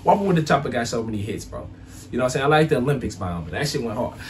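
A man's voice: mid-range voice, rapid-fire, slight background noise. A man in his twenties with an American accent giving casual, slangy, emphatic reaction commentary to the camera. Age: 20s. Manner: animated, slangy, emphatic, peppered with "bro" and "you know what I'm saying". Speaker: reaction video host. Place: small home studio with acoustic foam panels, indoors.

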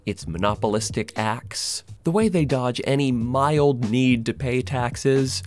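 A video commentator with a medium-pitched, darkish voice offers casual opinions in a sardonic, informal, sweary way. Music plays beneath his voice.

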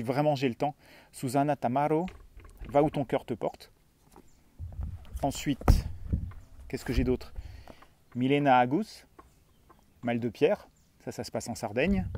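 On a holiday stay in Tuscany, a male book vlogger chats casually about books for his review vlog, full of hesitations and fillers. His mid-range voice is mellow, with a little hiss or hum in the recording.

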